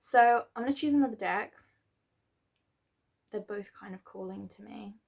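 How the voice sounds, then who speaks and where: A woman giving a casual, rambling tarot reading to a star sign, with many fillers and restarts and now and then clearing her throat. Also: mid-range voice, moderate pace, darkish tone. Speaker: tarot reader.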